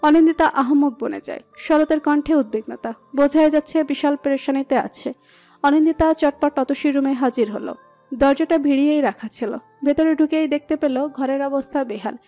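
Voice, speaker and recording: Brief: female storyteller, high mellow tone, steady expressive narration. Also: moderate pace. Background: soft background music.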